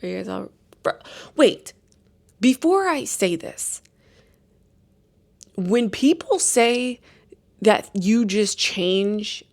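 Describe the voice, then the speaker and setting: A woman's voice: mid-range voice, lively intonation, drawn-out words, creaky, long pauses, darkish tone. A woman hosting a podcast, telling a rambling, self-deprecating story in a casual chatty way with many restarts. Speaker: podcast host.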